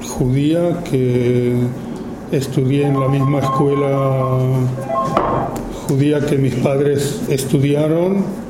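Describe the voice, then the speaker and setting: A man in his fifties from Argentina with an Argentine Spanish accent, speaking informally to an audience about his work, slowly and with many pauses and fillers. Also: medium pitch, fairly even intonation, roomy sound, loud music behind the voice, low-quality recording. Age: 50s. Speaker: photographer giving a talk.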